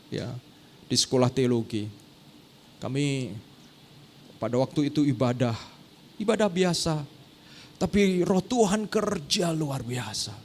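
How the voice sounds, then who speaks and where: A male pastor preaching an animated sermon, often turning to address the congregation directly. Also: medium pitch, a little hiss or hum.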